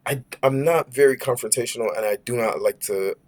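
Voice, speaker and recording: A young man with a New York accent telling a personal story to camera in an animated, rambling way, full of "like", "bro" and "right?". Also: medium pitch, a little fast. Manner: animated, frequent restarts. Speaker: vlogger. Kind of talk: casual storytime monologue.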